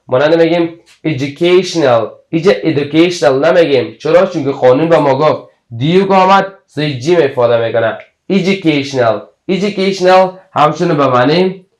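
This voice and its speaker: A man with an Afghan Dari accent teaches English spelling, carefully repeating each example word and then giving its meaning. His voice sits a little high, and the room around him rings with echo. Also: expressive. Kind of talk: explaining English letter combinations.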